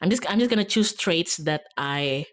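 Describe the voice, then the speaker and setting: Expressive and speaking at normal speed, this streamer has a fairly low-pitched voice. Playing a visual novel on a livestream, she reads its text aloud and slips into casual, playful asides that tease herself, with faint game music in the background.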